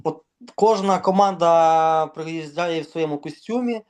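A man from Ukraine, a volleyball organizer, talking casually in an interview and pausing often with fillers and restarts. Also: on the high side, a little mellow, clear, resonant tone. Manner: hesitant, many fillers and restarts.

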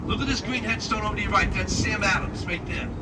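A man's voice: high-pitched, fast. A man working as a tour guide, giving joking live commentary like a showman and quizzing his listeners. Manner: showman-like, quizzing the listeners with short check questions. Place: moving tour vehicle in city streets. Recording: distant mic, loud traffic and vehicle noise. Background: loud engine and street traffic noise.

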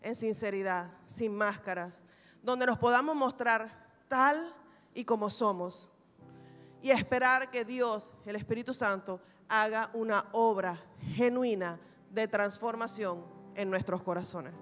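A woman pastor preaching a sermon, telling a personal testimony in an animated, humorous way. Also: on the high side, a little slow, soft background music. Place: large church hall. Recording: reverberant church hall recording.

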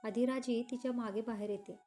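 A woman storyteller reading a romance story aloud with steady expression. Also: a little high, fairly quick. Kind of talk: story narration.

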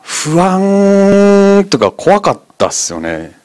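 Hesitant man with lively pitch. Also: slow, smooth. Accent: Kansai. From Kitakyushu, Fukuoka, Japan. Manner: polite, hesitant with many fillers. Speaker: interview guest. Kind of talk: casual interview chat.

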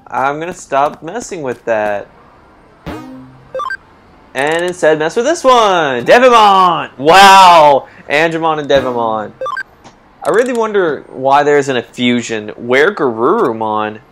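A man hosting a let's play, reacting excitably to the game in casual commentary. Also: a little high, a little slow, noisy background. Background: game music.

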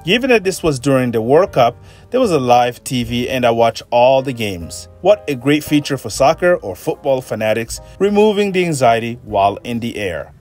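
A man in his thirties narrates his flight review in a measured, matter-of-fact tone. His pitch moves about lively, and soft music plays faintly behind him. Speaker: travel vlogger. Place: airplane cabin. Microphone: phone held at arm's length.

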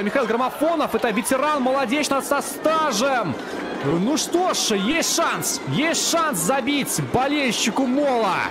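A man giving live football commentary, describing the play and the replays. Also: extremely high pitch. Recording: loud stadium crowd and outdoor noise. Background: football crowd and stadium ambience.

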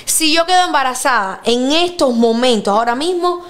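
A woman in her thirties with a high voice talks casually as a podcast host. She tells personal stories with energy and jumps up in pitch when she acts out what people said. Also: moderate pace. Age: 30s. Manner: lively storyteller, acts out quotes with big pitch jumps. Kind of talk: casual chat.

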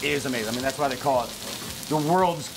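A man's voice: mid-range voice, fast, creaky. A man in his thirties hosting a cooking show in a restaurant kitchen, talking in an upbeat, effusive way on a lapel mic. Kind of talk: enthusiastic cooking chat. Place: restaurant kitchen with sizzling pans. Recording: kitchen noise and frying sizzle.

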